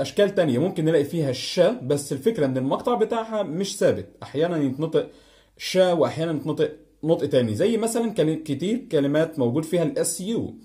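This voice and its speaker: In an online pronunciation lesson, a man speaking Egyptian Arabic teaches English pronunciation, repeating each example word several times. His voice is a little high, with a warm tone.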